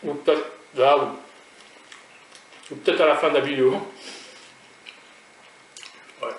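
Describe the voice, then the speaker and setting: Slow and steady in tone, a fairly high-pitched man from France chats with his vlog viewers in a French accent while tasting food. He rambles, addressing them directly as a food vlogger. The roomy, distant-mic recording has a little hiss or hum.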